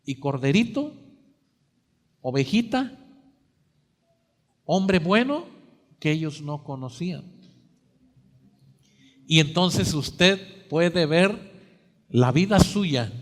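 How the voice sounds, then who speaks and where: A male preacher with a high voice delivers a dramatic sermon. He fires rhetorical questions at the congregation and swings between hushed and loud. His voice rings with the long reverb of a church sanctuary. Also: lively intonation, takes it slowly, pauses often.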